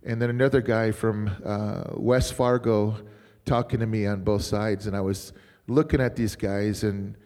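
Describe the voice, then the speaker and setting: A man's voice: lowish voice, fairly even intonation, unhurried, a little mellow. A middle-aged man, a pastor, telling stories in a rambling, chatty sermon and laughing often. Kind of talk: informal sermon storytelling. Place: church. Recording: reverberant church hall.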